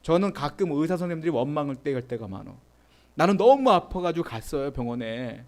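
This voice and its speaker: Pastor, male, preaching in a chatty manner with frequent questions to the congregation, somewhat high-pitched. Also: sing-song, fairly quick, darkish tone. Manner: conversational preaching with rhetorical questions; reads scripture aloud with the congregation. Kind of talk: sermon.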